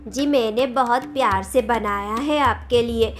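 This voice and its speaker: A woman's voice: fairly high pitch, measured pace, close to an everyday voice. Woman voicing a sassy cartoon daughter-in-law. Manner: sassy, mocking. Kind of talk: cartoon story voice acting. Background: background music.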